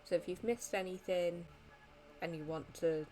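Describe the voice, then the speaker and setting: A woman's voice: lowish voice, normal speed, warm tone, low-quality recording. A tired young woman wrapping up a live stream, rambling casually with many ums and likes. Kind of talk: casual end-of-stream chat.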